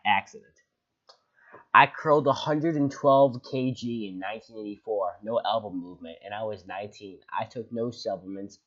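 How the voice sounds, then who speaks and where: A man's voice: fairly low pitch, highs cut off. A man hosting a channel, reading online posts aloud and breaking in with sarcastic asides. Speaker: channel host.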